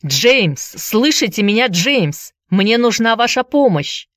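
A woman voicing a desperate young man who shouts urgent commands in a storybook reading. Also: a little high, big pitch swings, slow, no echo, clean studio sound, voice pushed up, full character voice. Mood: urgent shouting.

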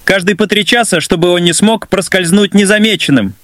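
A man's voice: sits high, brisk, fairly bright tone, no echo, voice pushed up. A man voicing a firm adult woman on a yacht crew who tries to stop a quarrel. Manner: firm, commanding.

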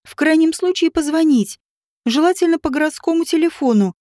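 A woman's voice: high voice, brisk, dark tone, dry recording, clean studio sound, pitched above the performer's own voice, close to an everyday voice. A woman voicing an anxious woman who pleads and hurries to get away. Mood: pleading.

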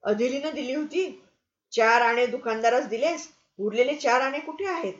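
A woman's voice: animated, unhurried, lo-fi sound. A woman voicing a harsh, scolding innkeeper's wife who nags and insults. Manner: shrill, nagging, insulting.

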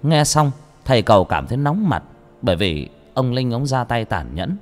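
A man narrating a ghost story in an expressive storytelling manner. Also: medium pitch, moderate pace. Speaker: audiobook narrator. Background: faint background music.

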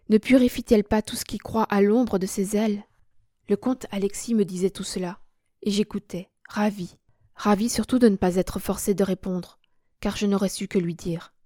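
A woman narrating a literary story as an audiobook, in a measured, expressive reading. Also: medium pitch, dry recording, clean studio sound. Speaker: audiobook reader.

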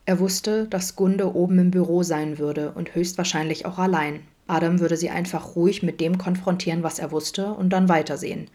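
Female podfic reader, deep for a woman, steady narration. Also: normal speed, few pauses. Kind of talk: audiobook narration of a fan story.

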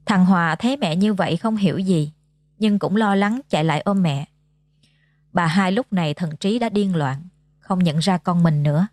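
A woman's voice: on the low side, moderate pace, dry recording. Southern Vietnamese woman telling a ghost story. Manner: steady, dramatic reading. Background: soft background music.

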